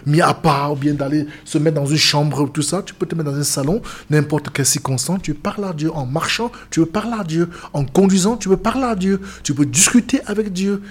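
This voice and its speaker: His fairly high, slightly rough voice carries an earnest tone as he's interviewed. A pastor and seamen's chaplain from Cameroon, he repeats himself and keeps stumbling and restarting what he says.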